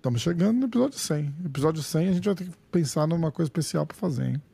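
A man with a Brazilian accent hosting a podcast in casual, slangy chat, with a raspy voice. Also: fairly high pitch, animated, rapid-fire, dark tone, a little hiss or hum. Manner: slangy, swearing, informal. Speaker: podcast host.

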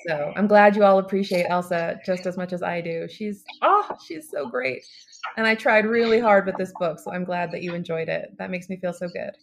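A woman's voice: on the low side, fairly quick, vocal fry, a little hiss or hum. A woman talking casually as a guest author in a podcast interview.

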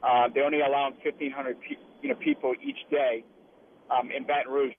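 Riding in a truck cab, the same kind of guest, a man representing a liquor brand, chats loosely with a radio host over the phone. He has a mid-range voice with big swings in pitch and a slightly fast delivery, while the tinny call picks up noticeable noise and cab sounds.

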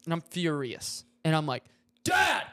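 A man's voice: high voice, a little fast. A young man co-hosting a podcast, telling a story in a casual chat and acting out the other people's lines. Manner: animated storyteller, acts out voices and shouts in quotes. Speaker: podcast co-host.

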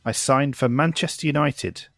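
A man hosting a football quiz, reading clues in a measured, even way. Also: medium pitch, no echo, clean studio sound. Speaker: quiz host.

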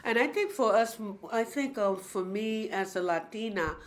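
A woman in her sixties from New York City, an artist talking as a guest in a casual interview, halting and searching for words. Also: on the high side, animated. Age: 60s.

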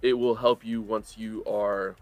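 Acting as game master for a tabletop role-playing game, a man narrates the scene dramatically, pausing between phrases. His voice is on the low side and his delivery flat.

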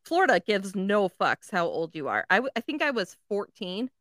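A woman's voice: mid-range voice, very animated, normal speed, a bit bright, dry recording, studio quality. A woman in her forties in a casual chat, making teasing, wry remarks.

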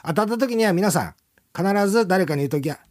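A man's voice: high voice, expressive, brisk, a little mellow. A man hosting a radio after-talk, chatting casually and rambling with laughs between lines. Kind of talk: casual chat.

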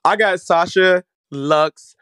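A man's voice: high voice, takes it slowly, fairly bright tone, clear, resonant tone, dry recording, clean studio sound. A man hosting a casual podcast, bantering in a sassy, campy, teasing way with drag slang. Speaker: podcast host. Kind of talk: casual reality-show banter.

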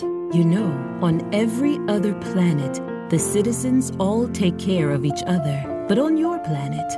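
A woman voicing the disembodied voice of a wise planet queen who speaks from all around, calm and gracious. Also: lowish voice.

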